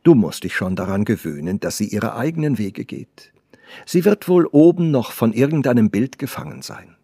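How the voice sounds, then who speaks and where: Man doing serene middle-aged mum, relaxed and reassuring, dark-toned. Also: mid-range voice, moderate pace, husky, no echo, studio quality. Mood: amused. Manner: calm, smiling, reassuring. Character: gentle, still-beautiful middle-aged mother.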